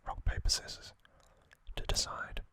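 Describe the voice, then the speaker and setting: Whispering breathily, this male ASMR host softly recaps bits of trivia, his phrases brief and hesitant.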